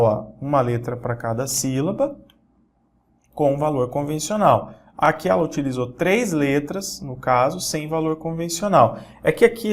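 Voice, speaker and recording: Man teaching, slightly high voice. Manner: explanatory, points at examples on screen; frequent checking tags and self-corrections. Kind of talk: recorded online lesson.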